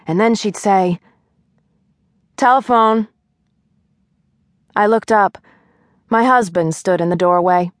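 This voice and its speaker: Wry, low-voiced woman reading an audiobook. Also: dry recording, clean studio sound. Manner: wry, lightly comic storytelling. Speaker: audiobook narrator. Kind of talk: scripted first-person audiobook narration.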